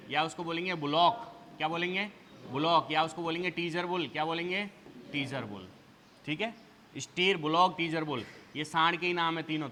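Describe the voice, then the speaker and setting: A man's voice, on the high side, pushed and bright, carries hall reverb through a classroom. Leading exam revision, this teacher poses a question, supplies the answer and repeats it, drilling students call-and-response style.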